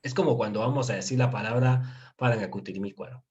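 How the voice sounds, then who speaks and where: A man giving a relaxed, casual language lesson, explaining slowly and sounding out words bit by bit. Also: medium pitch, lo-fi sound. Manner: relaxed, chuckles now and then. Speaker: Turkish language teacher.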